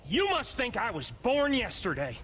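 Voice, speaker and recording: An actor playing a resentful outlaw gang leader in a video game, who taunts and threatens with slow, bitter words. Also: male voice, very high-pitched, wildly swooping pitch, a bit bright, slight background noise, exaggerated voice.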